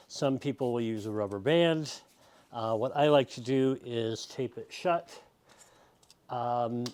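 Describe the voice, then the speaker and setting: With a clear, resonant, medium-pitched voice that's a little mellow, a man leads a laid-back, patient demonstration, narrating every step of the process as he goes.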